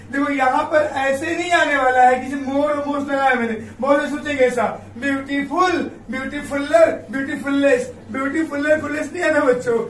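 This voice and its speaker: High-voiced teacher in echoey room. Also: male voice, fairly bright tone. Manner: keeps addressing students as kids, asks and answers his own questions, repeats key words. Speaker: English grammar teacher. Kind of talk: classroom-style grammar lesson. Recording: echoey room, voice far from mic, faint background noise.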